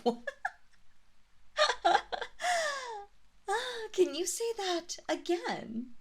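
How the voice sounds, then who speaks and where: Sounding amused and delighted, a woman plays a vampire mistress in an intimate roleplay audio drama, seductive and commanding. Her fairly high, exaggerated voice stays soft and deliberate, with breathy half-whispers and a hypnotic, teasing condescension.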